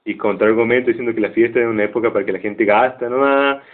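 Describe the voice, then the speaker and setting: Guy casually retelling a cartoon plot, mid pitch, sounds like it's over a phone line. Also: fairly even intonation, quick pace. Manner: chatty, joking asides. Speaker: cartoon reviewer.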